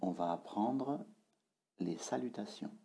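A man giving a spoken language lesson, slowly repeating words and drilling their tones. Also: on the low side, lively intonation, creaky, dark tone. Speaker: language teacher.

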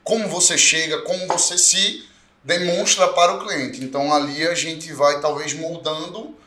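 A man with a Brazilian Portuguese accent in a casual podcast discussion. He speaks in a measured way, laying out his points one by one. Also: a little high, sharp tone, a little hiss or hum. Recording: roomy echo.

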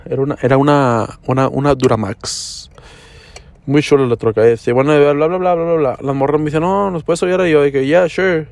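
A man's voice: a little high, darkish tone. A young man from Mexico, talking casually to camera in a vlog, full of slang and swearing, slipping into English mid-sentence. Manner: slangy, profane, storytelling with code-switching.

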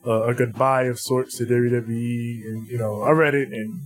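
A man's voice: medium pitch, fairly even intonation, moderate pace, breathy edge. A man co-hosting a podcast, chatting informally through news with repeated phrases and some swearing. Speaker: podcast co-host. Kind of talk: casual wrestling news chat.

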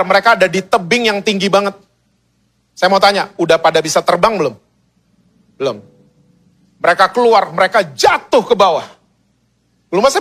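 A man's voice: sits high, fairly bright tone. A male pastor preaching a sermon as humorous, slangy storytelling.

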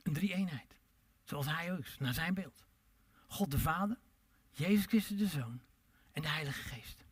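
A man preaches with passion. He swings from loud, emphatic calls to hushed, low asides, and he draws out his words slowly when he quotes scripture. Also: lively intonation, slightly rough. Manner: drawn-out pleading delivery when quoting scripture. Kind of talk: sermon.

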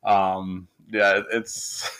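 A man's voice: low voice, level tone, very slow, fairly bright tone, smooth. A man co-hosting a casual podcast, telling a rambling, amused story. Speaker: podcast co-host.

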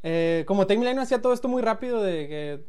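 Here the man's voice sits high and sounds animated, a little mellow, and smooth as he talks fast. He's a late-twenties guest from Sinaloa with a Mexican accent, casually telling his story with laughter, acting out quotes and restarting phrases as he goes.

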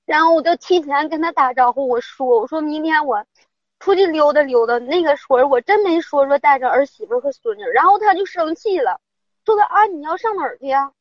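Middle-aged woman caller, high voice, rambling and distressed, dry dull lo-fi line. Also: lively intonation, a little fast, no room sound. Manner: rambling, upset storytelling. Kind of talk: phone-in advice call.

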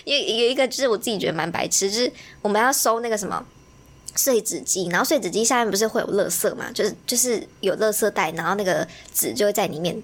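A young woman in her twenties telling a story in casual chat, lively and laughing often, acting out the voices of the people she quotes. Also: mid-range voice, quick pace.

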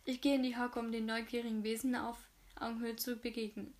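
A woman's voice: on the high side, level tone, fairly quick, a little mellow. A woman reading a novel aloud for her viewers and making chatty, frank asides about the story.

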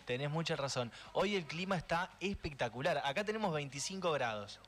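A man's voice: a little high, lively intonation, fairly quick, a bit bright. A man in his twenties with an Argentine Spanish accent, hosting a radio show in a friendly, easygoing way with curious questions. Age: 20s. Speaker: radio host. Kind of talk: casual radio chat.

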